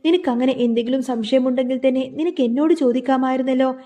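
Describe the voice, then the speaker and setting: A scheming young wife from a television serial, reproachful and wounded in tone, read out by a woman narrator. The voice sits high and mellow, and the lines are spoken plainly rather than acted. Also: steady tone, fast, close to an everyday voice.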